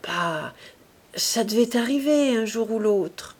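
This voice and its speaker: Woman voicing a young man, uneasy, hushed, halting, slow, audiobook. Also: on the high side, animated, slightly rough, heavily acted. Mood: awkward.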